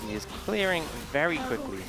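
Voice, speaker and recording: Young british guy casting esports, bit high, bouncy delivery, jokey, faint music behind. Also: big pitch swings, brisk. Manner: playful banter, laughs often. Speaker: esports caster. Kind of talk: live play-by-play commentary.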